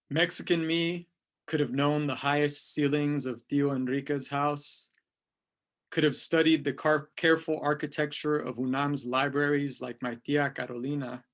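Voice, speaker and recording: A man in his thirties from California, chatting casually and reading his poems slowly and deliberately. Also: on the high side, fairly bright tone. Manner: slow, deliberate reading of verse. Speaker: poet, featured writer. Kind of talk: casual talk and poetry reading.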